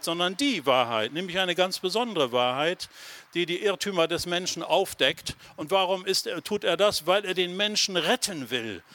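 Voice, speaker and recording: A man's voice: sits high, pushed and bright. A man preaching a sermon, telling a story to his listeners and then building to raised, emphatic phrases. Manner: talks straight to the listeners, with many tag questions.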